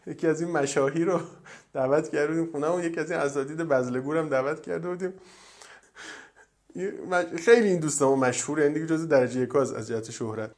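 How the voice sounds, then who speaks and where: Iranian cleric preaching, soft then animated. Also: male voice. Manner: storytelling, often drops to a soft, low voice. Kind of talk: religious lecture.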